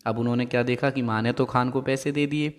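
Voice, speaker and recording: A male teacher reading a Hindi story aloud and explaining it line by line, stopping to ask his class quick checking questions. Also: mid-range voice, fairly even intonation. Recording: long hall-like reverb.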